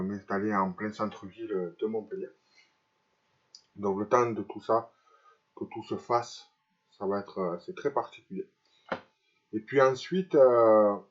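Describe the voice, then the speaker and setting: Male vlogger, lowish voice, speaking with braces, hesitant confessional delivery, slightly muffled lo-fi sound. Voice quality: speech slightly impeded by dental braces. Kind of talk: personal vlog confession to camera.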